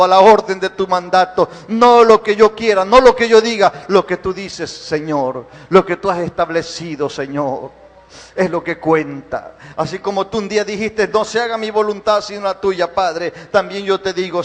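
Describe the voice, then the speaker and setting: A man pastor leading a congregation in fervent prayer, repeating calls and swelling and dropping his volume. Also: high-pitched. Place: church sanctuary. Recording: long hall reverb.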